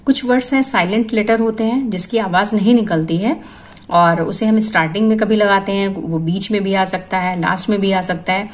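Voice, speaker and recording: A woman's voice: medium pitch, steady tone, a little fast, poor audio. Woman teaching spelling word lists. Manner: lists words one by one, explaining rules. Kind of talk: spoken spelling lesson.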